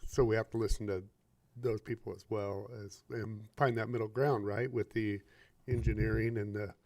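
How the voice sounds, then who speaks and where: A man's voice: lowish voice, steady tone, normal speed, a little mellow. Councilman raising an agenda item casually. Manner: informal, hesitant, many fillers. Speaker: city council member. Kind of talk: council meeting discussion.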